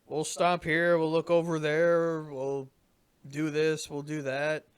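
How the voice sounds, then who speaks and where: A man chatting casually on a commentary track about a comedy series he made, relaxed and trailing off. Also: a little high, takes it slowly, smooth, dry recording. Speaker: co-creator commenting on his show.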